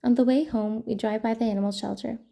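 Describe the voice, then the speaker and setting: Gravelly, mellow-voiced storytime woman. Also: a little high, steady tone, fast. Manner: gentle, playful storytelling. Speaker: storytime host. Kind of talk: children's picture book read-aloud.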